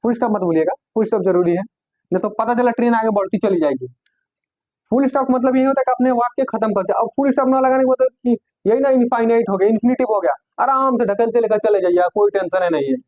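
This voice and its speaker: A man teaching English grammar in Hindi. He talks slowly, dictates example sentences word by word, and spells out letters. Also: very high voice, darkish tone, no echo, low-quality recording. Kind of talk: classroom lesson.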